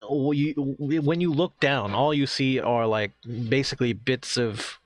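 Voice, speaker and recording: A man's voice: medium pitch, unhurried. A man narrating as game master, describing scenes in a loose, conversational way with many restarts.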